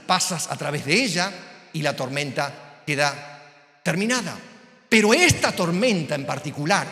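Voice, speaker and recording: Pastor guy preaching, high bright voice, church hall echo. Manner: animated preaching, acting out quoted voices. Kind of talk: sermon.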